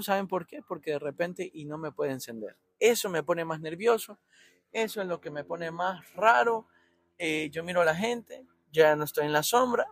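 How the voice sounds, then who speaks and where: Honduran guy in his 30s rambling from his car, kinda high voice, antsy. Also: vocal fry, a bit bright, no room sound. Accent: Honduran Spanish. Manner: rambling, anxious, thinking aloud. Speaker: podcast host. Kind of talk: casual running commentary. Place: inside his car in a gas station line.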